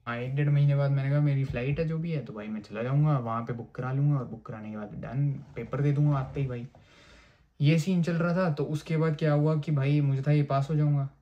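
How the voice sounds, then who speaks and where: A young Indian vlogger tells a personal story in a chatty, casual way, swearing and repeatedly calling out "bhai," or "bro." His medium-pitched voice moves fairly quickly, and the audio sounds dull.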